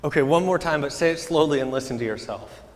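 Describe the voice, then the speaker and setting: A man co-leading a conversational homily, earnest and gently teasing as he asks questions. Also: a little high, quick pace. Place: large church. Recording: reverberant church hall.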